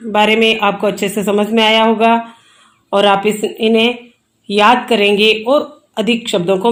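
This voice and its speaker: A woman teacher explains English plurals patiently, spelling out each word letter by letter. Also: mid-range voice. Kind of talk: online English grammar lesson.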